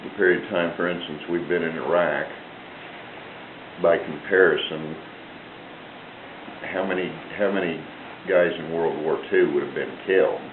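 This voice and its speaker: A man's voice: sits low, fairly even intonation, moderate pace, pauses often. A man interviewing someone in casual conversation, commenting and asking questions. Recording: hissy, echoey, phone-like home recording.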